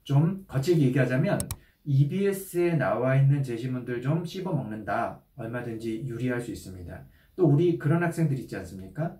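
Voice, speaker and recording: A male instructor explains exam strategy in a calm, methodical way, with a lively rise and fall in his voice. His tone is mellow and soft-edged. The recording is echoey, with the mic set back from him. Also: mid-range voice, recorded from a distance. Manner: calm, methodical, addresses students directly. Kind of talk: explanatory lecture.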